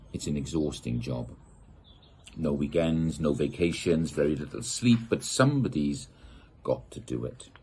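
With a bass voice and a little hiss or hum in the recording, a middle-aged man from the UK reads a children's picture book aloud, playful and expressive as he tells the story. The camera sits at desk distance, filming him outdoors in a garden gazebo.

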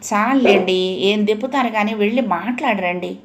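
A woman's voice: mid-range voice, normal speed, close to an everyday voice. A woman voicing a middle-aged mother who coaxes and pleads with her husband, in an audio story. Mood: pleading. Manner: coaxing, pleading.

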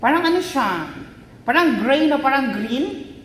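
A woman with a Filipino accent giggling and exclaiming excitedly as she unboxes a phone in a casual vlog. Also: high-pitched, a little slow, recorded from a distance, slight background noise. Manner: excitable, giggly, mixes Tagalog and English. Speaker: vlogger. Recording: echoey room, faint ambience.

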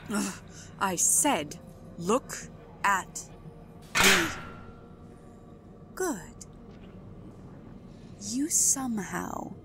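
Woman acting as possessive yandere queen, asmr roleplay, bit low and slow, regal and controlling, noisy recording. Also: full character voice. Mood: commanding. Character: possessive, imperious Queen of Hearts, obsessive and menacingly sweet. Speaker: voice actor in audio roleplay. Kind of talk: ASMR audio roleplay drama.

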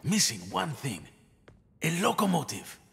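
An actor playing a terse, careful Russian wartime saboteur in a video game, speaking deliberately with a Russian accent. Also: male voice, a little high, huge pitch swings, creaky, fairly bright tone, long reverb tail, a little hiss or hum, heavily acted. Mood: measured, purposeful. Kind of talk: video game character dialogue.

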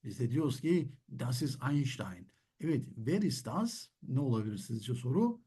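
A man's voice: mid-range voice, big pitch swings, normal speed, warm tone, slightly rough. A man teaching German, explaining patiently and answering his own questions. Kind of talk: classroom-style language lesson.

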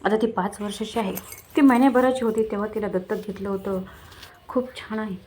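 A woman voicing a man's cheerful village friend who gives warm, persuasive advice. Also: medium pitch, fairly quick, close to an everyday voice. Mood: encouraging.

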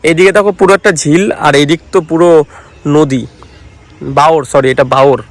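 A young man from West Bengal talks fast and playfully to his viewers, calling them brother. His voice sits a little high. He films himself on a handheld phone as he walks through an outdoor park. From West Bengal, India. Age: young adult. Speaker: vlogger. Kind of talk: casual vlog narration. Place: outdoor park by a lake, street.

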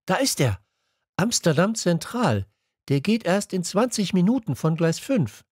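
An eager young schoolgirl, breathless and excited, as a man reads her. The voice sits high and lively, close and dry on the mic of a children's audiobook. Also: moderate pace, dry recording, natural voice. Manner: excited, raised voice.

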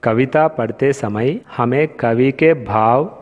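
A man's voice: mid-range voice, slow pace, dull audio. A man teaching a recorded Hindi reading lesson to schoolchildren, patient and repetitive, often addressing the children directly. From India.

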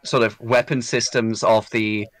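A man's voice: lowish voice, little pitch movement, measured pace, fairly bright tone, no echo. Rambling joking man on a stream. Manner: rambling, imaginative jokes. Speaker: history YouTuber on a group live stream. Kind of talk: casual banter.

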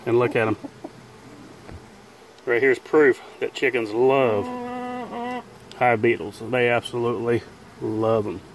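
Filming in a chicken pen outdoors, a man who keeps bees and runs a channel talks in a plain, unhurried way with folksy grammar. Faint bee buzzing sits in the background. His voice is medium pitch with fairly even intonation, and the poor audio has slight hiss or hum.

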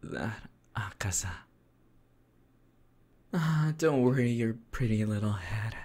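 A man's voice: lowish voice, expressive, takes it slowly, darkish tone, husky, exaggerated voice. A man voicing a sly, cheerfully cruel male demon lord in a whispered role-play, talking in a sing-song, mocking way that keeps drifting into whispers. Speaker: voice actor.

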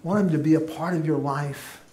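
Relaxed and joking with his congregation, a male pastor gives an informal sermon in a church sanctuary. His voice is fairly high, his speed normal, and the church room sounds echoey.

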